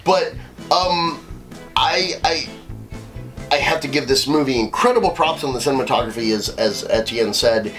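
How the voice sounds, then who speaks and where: A man's voice: medium pitch, normal speed, a bit bright, faint music behind, low-quality recording. Man in casual, profane film chat. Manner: profane, rambling. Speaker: film review show co-host.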